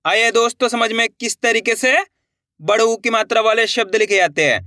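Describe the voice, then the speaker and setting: This Hindi writing teacher has an extremely high, sharp-toned voice and moves at a normal speed through a step-by-step spelling lesson. He builds each word letter by letter, says it again, and responds to his own questions, all on a dry recording.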